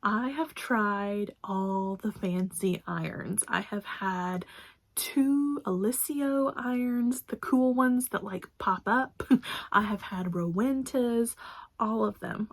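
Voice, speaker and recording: A young woman from Indiana answering viewer questions in a casual sewing vlog, chatty and enthusiastic, laughing often, recorded in her home sewing room. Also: fairly high pitch. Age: young adult. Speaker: sewing vlogger.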